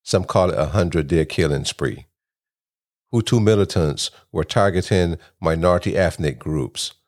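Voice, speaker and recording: Man, podcast host, extremely low voice, measured, earnest, scripted intro. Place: home kitchen.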